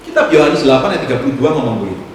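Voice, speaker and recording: A man, a pastor preaching a sermon, swinging from loud exhortation to soft asides. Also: mid-range voice, animated, racing. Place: church hall. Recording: echoey church hall, distant mic, noisy room.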